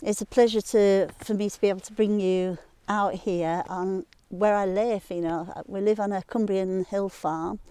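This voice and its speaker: A woman's voice: medium pitch, fairly even intonation, warm tone, smooth, dry recording. A middle-aged woman from Sheffield with a Yorkshire accent, a guest chatting on an open hillside and describing the landscape around her. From Sheffield, England. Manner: descriptive, unhurried, points out the landscape. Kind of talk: casual outdoor conversation.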